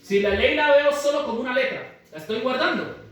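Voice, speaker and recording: A man preaching a sermon in an animated way, acting out the voices of the people in his stories. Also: very high-pitched, fairly quick. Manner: animated, acts out quoted voices. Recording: echoey hall, distant mic, faint noise.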